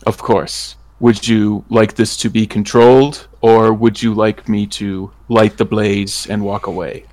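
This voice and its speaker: A man's voice: on the low side, level tone, a little slow, a little mellow, no echo, close to an everyday voice. A man playing a polite, honourable werewolf traveler in a tabletop game, speaking in a formal, solemn way. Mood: respectful. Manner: formal, deferential. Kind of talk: tabletop role-play character acting.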